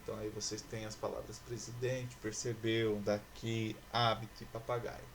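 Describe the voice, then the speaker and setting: A man teaching a recorded class, patient and explanatory, who slowly draws out each word as he works through its syllables. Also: on the low side, level tone, slight background noise. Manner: patient and explanatory, stretching out words as he spells syllables. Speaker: school teacher.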